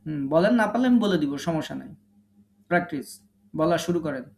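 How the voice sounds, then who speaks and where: This man speaks with a Bangladeshi Bengali accent and a voice pitched a little high. He leads a live online recitation class over a call, patiently correcting students. He stretches sounds out slowly and repeats them. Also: lively intonation, vocal fry, a little mellow, slight background noise. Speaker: online Quran recitation teacher.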